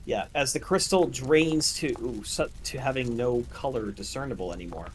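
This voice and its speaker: A man's voice: medium pitch, moderate pace, slight background noise. A man running a tabletop role-playing game as game master, describing monsters and explaining rules.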